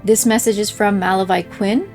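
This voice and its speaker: A woman who makes game playthroughs reads in-game mail aloud as scripted narration, with game music playing behind her. Her voice is medium-pitched and darkish, and she speaks steadily at a moderate pace.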